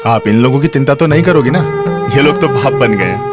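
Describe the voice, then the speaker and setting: Brief: male voice actor dubbing a good-natured man leaving home, mid-pitched, teasing warmly, loud film score underneath. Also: expressive, a little fast, lightly acted. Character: cheerful man leaving family for abroad. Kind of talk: Hindi film dub. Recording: dubbed dialogue over loud film music.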